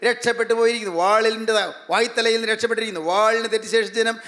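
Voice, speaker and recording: High-pitched fast-talking male preacher. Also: flat delivery, a bit bright. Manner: emphatic, repeats phrases. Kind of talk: sermon.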